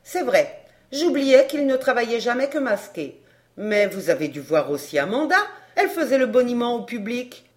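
A woman's voice: on the high side, sing-song, moderate pace. A woman voicing a sly young chambermaid and fortune teller who speaks in a coy, simpering way. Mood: coaxing. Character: sly young female chambermaid and card reader.

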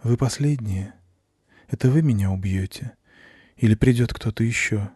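A man reading the lines of a tormented teenage girl in an audiobook, in a quiet, dull, weary voice. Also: mid-range voice, moderate pace, husky, no echo, clean studio sound, pitched above the performer's own voice, natural voice. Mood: hopeless. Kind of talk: audiobook narration.

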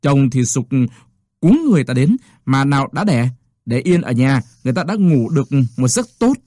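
A man's voice: mid-range voice, lively intonation, moderate pace, dark tone, no room sound, clean studio sound, lightly acted. A man voicing an old village midwife who talks in a curt, scolding way.

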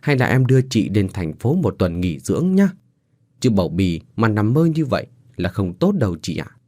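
A man voicing a scheming young woman with a soft, coaxing manner. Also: on the low side, sing-song, moderate pace, dry recording, studio quality.

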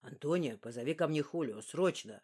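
Woman doing Carlos, a low weary father. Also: moderate pace, slightly rough. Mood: distracted. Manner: low, hushed and flat. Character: weary injured young father, low and subdued.

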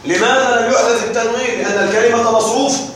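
A man teaching an Arabic grammar lesson, slowly repeating rules and often checking that his students follow along. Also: extremely high pitch, steady tone, fairly bright tone. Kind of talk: classroom lesson explaining morphology. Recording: very echoey room with faint noise.

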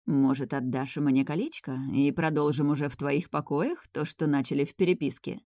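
A woman voicing a playful, self-assured female elf princess with a low, velvety voice in an audiobook. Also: fairly even intonation, moderate pace, dark tone, dry recording, studio quality, lightly acted. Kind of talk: audiobook reading.

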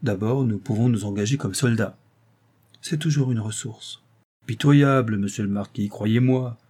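A man voicing a sly, scheming older lawyer who flatters and insinuates in an audiobook. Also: fairly low pitch, normal speed, slightly rough. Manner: wheedling and insinuating.

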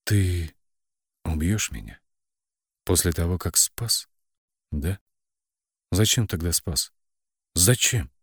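A man's voice: low voice, lively intonation, slow, pauses often, slightly rough, no echo, clean studio sound, exaggerated voice. A man voicing a frightened young woman who pleads in panic and tears. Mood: pleading whisper.

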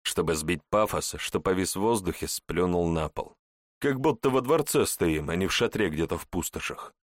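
A man narrating an audiobook in a wry, expressive first-person reading. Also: low voice, normal speed, no room sound, studio quality.

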